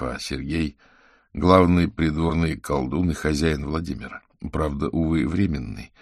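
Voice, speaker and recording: Calm patient wizard guy, read by a low husky narrator, soft and hushed. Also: dry recording, clean studio sound, heavily acted. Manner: soft and reassuring, drops to a hush. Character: calm adult male sorcerer, patient and gentle.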